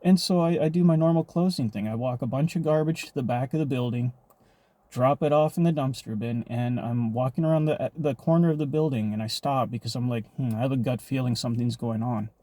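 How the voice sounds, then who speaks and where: A man's voice: medium pitch, a little fast, mellow, no room sound. A man telling a personal story in a rambling, profane, casual vlog monologue.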